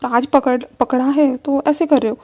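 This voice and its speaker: A woman voicing a persistent young husband who teases and coaxes softly, read within a fan story. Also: high voice, fairly even intonation, moderate pace, dull audio. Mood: teasing. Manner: soft, coaxing, teasing.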